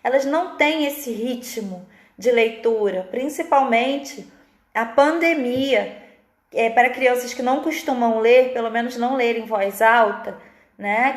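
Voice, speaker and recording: Brazilian woman, teacher, live lesson, explanatory, somewhat high voice, echoey room. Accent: Brazilian Portuguese. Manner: explanatory, frequent "né?" tags.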